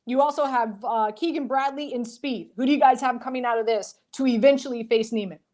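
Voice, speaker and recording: High-voiced woman hosting a panel. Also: brisk, darkish tone. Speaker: host. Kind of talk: hosting a sports betting panel.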